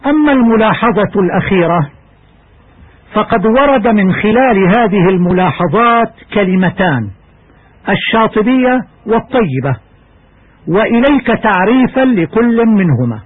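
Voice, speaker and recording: A man teaching Quranic recitation in a scripted radio lesson, explaining rules in a measured way and chanting examples slowly. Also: high-pitched, lively intonation, slightly rough. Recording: tinny narrow-band radio recording.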